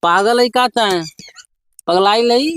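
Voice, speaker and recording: A man's voice: sits high, takes it slowly, a bit bright, clear, resonant tone. A man playing a drunken, stubborn village husband in a comedy sketch, muddled, repetitive and scolding in an Awadhi accent. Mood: scolding, dismissive. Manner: town drunk's muddled, repetitive, belligerent talk. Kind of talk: rural comedy sketch acting. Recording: noisy background with clicks.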